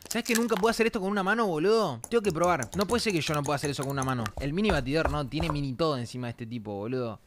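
A man's voice: fairly high pitch, racing, few pauses, background noise. A young man with an Argentine accent, chatting casually and reacting on a stream, full of slang and asides to his chat. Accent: Argentine Spanish. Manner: slangy, animated, talks to chat.

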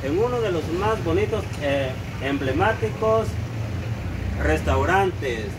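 A middle-aged man with a Salvadoran accent hosting his YouTube channel outdoors in front of a restaurant, formal and full of greetings, with frequent "eh" pauses. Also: on the high side, expressive. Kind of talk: on-the-street vlog presentation. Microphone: lapel mic. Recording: outdoor street noise, mic somewhat distant. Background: traffic and street noise.

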